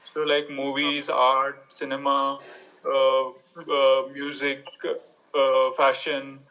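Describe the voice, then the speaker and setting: A man's voice: medium pitch, monotone, slow, sharp tone, poor audio. A man hosting a casual group conversation, explaining ideas with many fillers. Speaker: host.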